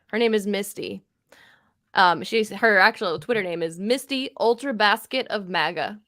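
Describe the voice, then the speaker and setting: A woman's voice: medium pitch, moderate pace, bright, forceful tone, dry recording, clean studio sound. A woman co-hosting a podcast, chatting casually and reading hostile comments aloud in mocking voices. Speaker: podcast co-host.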